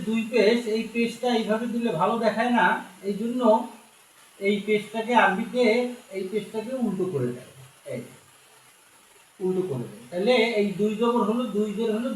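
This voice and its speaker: Man, Bangladeshi Bengali accent, patient Quran teacher, spells out and repeats each letter, very high voice, booming echo, distant mic. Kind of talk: slow step-by-step recitation lesson. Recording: very echoey room, distant mic, faint noise.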